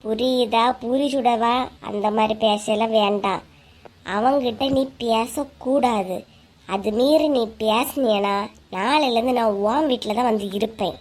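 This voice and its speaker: A woman's voice: on the high side, measured pace, a little mellow, voice pushed down. A woman voicing a quarrelsome, bossy neighbor woman in a cartoon, taunting and menacing, with a Kanyakumari Tamil accent. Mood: threatening.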